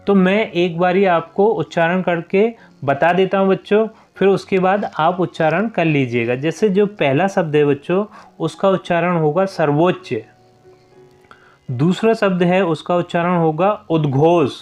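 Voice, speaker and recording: A man explaining a Hindi lesson to young pupils, patiently going through each answer and often addressing the class directly. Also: high voice. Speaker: teacher.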